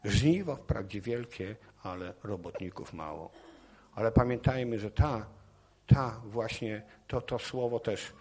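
A man's voice: lowish voice, unhurried, a little mellow, breathy edge. A man preaching a sermon from a podium, weaving in his own testimony with passionate, repetitive phrasing. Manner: impassioned, repetitive, rising in intensity. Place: church or meeting hall podium.

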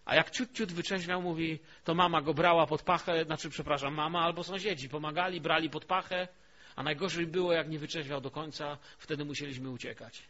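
A man preaching a sermon in a storytelling way, dropping to a hush and then rising to emphatic peaks. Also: fairly high pitch, steady tone, a little fast. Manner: storytelling, swings from hushed to emphatic. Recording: dull lo-fi recording.

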